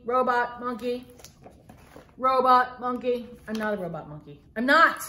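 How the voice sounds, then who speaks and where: A middle-aged woman with a high, fairly bright voice gives a lively, theatrical reading of a children's picture book, adding mock-exasperated asides for fun. A phone camera a few feet away records her in the living room, with the roomy sound of a home video.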